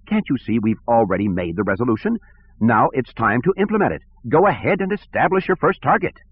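A man's voice: medium pitch, sing-song, a little fast, slightly rough, voice pushed up. A man voicing a petty, pompous male station director who talks in fussy, bureaucratic tones. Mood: snappish. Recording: tinny phone-like audio.

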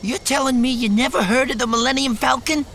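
A man voicing an excitable young man who speaks high and loud, slurring drunkenly in places. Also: a little fast, slight background noise. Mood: eager. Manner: high, strained, raised voice.

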